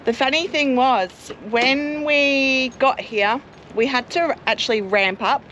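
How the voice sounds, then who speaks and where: A hoarse woman, chatting casually and poking fun at herself in a travel vlog, outdoors at a caravan park. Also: a little high, fairly bright tone, slight background noise. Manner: chatty, self-mocking. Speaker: travel vlogger. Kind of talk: casual chat.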